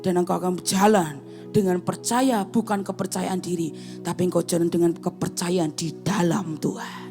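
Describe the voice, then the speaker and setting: A woman's voice: moderate pace, soft background music. A woman evangelist, preaching a sermon as a story and acting out its characters. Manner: animated, acts out characters with big pitch jumps.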